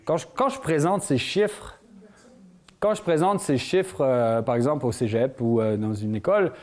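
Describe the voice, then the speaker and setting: Man, French accent, mellow voice, live conference talk, quizzes the audience, animated delivery. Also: medium pitch, normal speed. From France. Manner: lively, quizzes the audience with rising questions. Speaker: conference speaker.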